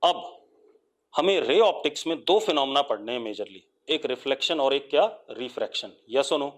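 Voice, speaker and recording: A man with an Indian accent teaching a live online physics class, coaxing students with repeated questions and dictating definitions slowly. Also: medium pitch, lively intonation.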